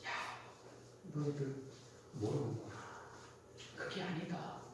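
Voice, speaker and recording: A man speaking as a solemn male teacher in a quiet, measured voice, in an echoey church hall heard from a distance. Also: mid-range voice, lively intonation, very noisy. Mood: grave. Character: calm solemn male teacher foretelling and correcting.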